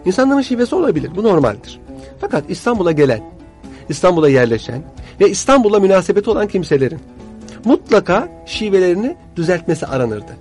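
A man's voice: high-pitched, very animated, quick pace, darkish tone, soft background music. A man, a guest historian telling stories in a studio conversation, using courtly old-fashioned phrasing.

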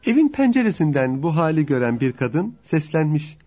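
A man reading humorous folk anecdotes aloud in a lively storytelling manner, voicing the characters' dialogue as he goes. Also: a little high, normal speed, husky. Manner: lively telling, voices the dialogue. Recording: dull lo-fi with faint music.

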